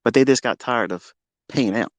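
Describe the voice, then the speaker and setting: A man ranting as a trading mentor on a live audio call, boastful and full of swearing, taunting his challengers and swinging between loud jabs and low asides. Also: moderate pace, no echo. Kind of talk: combative live-audio rant.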